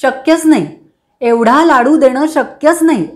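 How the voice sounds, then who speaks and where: A boastful, stubborn young man from a storybook, as a woman reading aloud puts him on. He talks in a cocky, insistent way in a fairly high voice. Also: measured pace.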